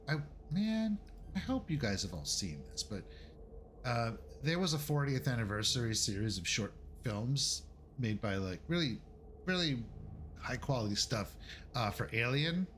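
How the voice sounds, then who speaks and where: A man's voice: medium pitch, a bit bright, slight background noise. A man running a tabletop game as game master, talking casually and rambling, with some swearing.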